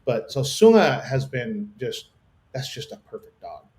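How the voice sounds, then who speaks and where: A man's voice: mid-range voice, sing-song, unhurried, darkish tone, slight background noise. A middle-aged man co-hosting a show, telling easygoing stories with dry humor. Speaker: radio co-host. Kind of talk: casual chat.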